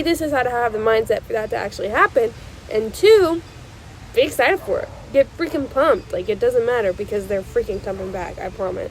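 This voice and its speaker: Sitting outdoors on a porch as cars pass, a young channel host with a stuffy nose gives casual vlog advice in an emphatic, insistent, reassuring way, repeating herself for emphasis. Her voice is a little high, and the low-quality recording carries a slight hiss or hum.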